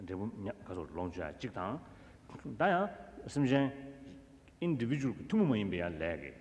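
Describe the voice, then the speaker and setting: A Tibetan man with a Tibetan accent teaches philosophy in a very deep voice that swings widely in pitch. He is heard in a long, echoing hall. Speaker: Buddhist teacher. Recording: echoey hall with background noise.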